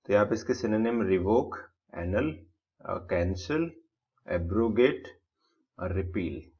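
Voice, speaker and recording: A man talks through exam vocabulary at a middling pitch, working step by step through each word and its synonyms. The recording sounds slightly dull and lo-fi. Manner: explains step by step, lists synonyms. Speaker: vocabulary teacher.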